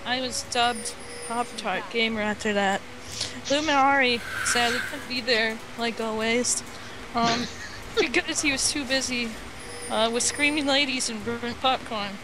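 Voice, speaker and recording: Over a game chat, a high-voiced woman spins a story off the cuff in casual conversation. She halts and rambles, slipping into quoted dialogue, and the whole thing sounds like a noisy amateur voice chat.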